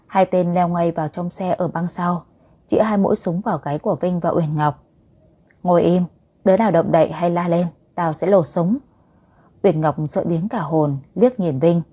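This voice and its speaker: A woman narrating a romance novel as an audiobook, reading every character in one voice and louder for the thugs. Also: on the low side, husky.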